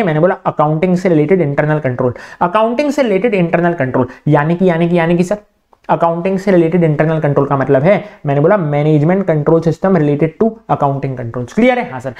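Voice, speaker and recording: A man teaching an online exam revision class in with a flavour, firing off questions and answering them himself in a hushed student voice, and slowing down to spell out key terms. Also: fairly high pitch.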